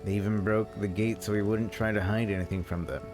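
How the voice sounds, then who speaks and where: Man putting on a sputtering, indignant trader, low-voiced. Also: steady tone, fairly quick, music in the background, lightly acted. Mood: bitter indignation. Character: sputtering angry male trader cursing bandits.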